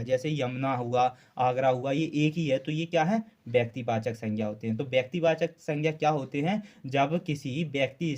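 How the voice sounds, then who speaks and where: A man's voice: mid-range voice, a little mellow. A male Hindi grammar teacher giving a classroom lecture for exam students, asking questions and answering them himself, repeating key terms, with frequent "uh" fillers.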